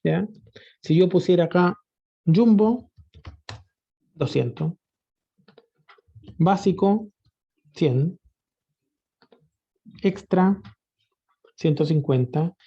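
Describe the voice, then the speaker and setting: A man's voice: high voice, extremely slow, vocal fry, pauses often, dark tone, husky. A man teaching a spreadsheet lesson, patiently asking rhetorical questions and often checking that students follow. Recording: dull lo-fi recording.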